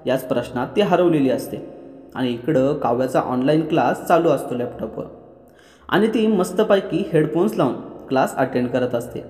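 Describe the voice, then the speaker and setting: A man's voice: expressive, normal speed, darkish tone. A man with a Marathi accent recapping a TV serial episode, narrating the scenes and acting out the characters' dialogue in raised voices. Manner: switches between narration and quoted character lines, raising pitch for women's parts. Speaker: episode review host. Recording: echoey room with long reverb.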